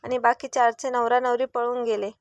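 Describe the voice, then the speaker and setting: A woman voicing a calm, reassuring young man in a storybook reading. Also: fairly high pitch, normal speed, no echo, close to an everyday voice.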